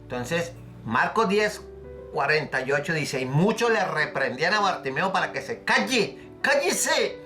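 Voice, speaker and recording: A man's voice: fairly high pitch, expressive, moderate pace, bright, forceful tone, faint music behind. A man preaching a sermon as a pastor, fervent and pleading, asking his listeners direct questions. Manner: acts out the scripture voices he quotes. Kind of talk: recorded sermon.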